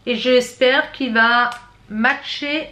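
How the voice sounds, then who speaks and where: Chatty middle-aged french woman doing her makeup on camera, kinda high voice, fixes her words as she goes. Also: steady tone, drawn-out words, pushed and bright. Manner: chatty, self-correcting, addresses viewers directly. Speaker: beauty vlogger. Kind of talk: makeup tutorial chat.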